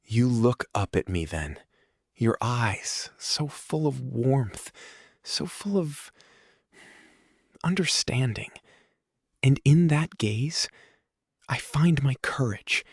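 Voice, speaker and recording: A man voicing a centuries-old, proud, brooding vampire lord confessing love in an ASMR role-play, husky and breathy, with halting, intense delivery and dramatic pauses. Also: mid-range voice, expressive, no echo, clean studio sound, full character voice. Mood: yearning, surrendering. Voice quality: breathy, husky, often dropping into soft voice.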